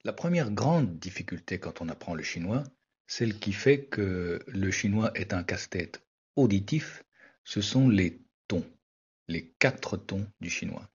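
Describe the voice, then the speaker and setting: A man, a language teacher, narrating a scripted explanation in a measured, wry way. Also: low-pitched, expressive, slightly rough. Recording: dull lo-fi recording.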